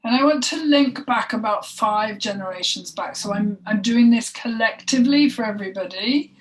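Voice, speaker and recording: A woman co-hosting a spoken energy healing session, talking in a halting, emotional way, with sighs and soft breathy asides. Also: fairly high pitch. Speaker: healing session practitioner and co-host. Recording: voice distant from the mic.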